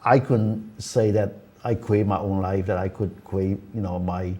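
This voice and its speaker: Older guy from hong kong hosting a talk show, low husky voice, earnest, lots of "you know". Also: steady tone, unhurried, dark tone. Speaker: host. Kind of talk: casual chat. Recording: community access TV studio.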